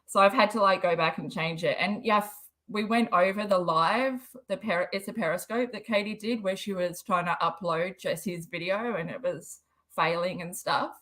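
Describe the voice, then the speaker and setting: A woman's voice: fairly low pitch, normal speed, a bit bright. Chatty Australian woman, sarcastic. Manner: chatty, sarcastic, laughs often. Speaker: livestream host. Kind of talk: casual live commentary.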